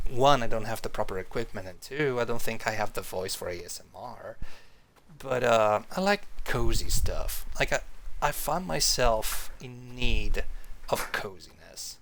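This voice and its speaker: A man's voice: mid-range voice, rough recording. A man from Italy chatting casually on a live stream, rambling with frequent restarts as he talks with viewers. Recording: steady hiss on the line.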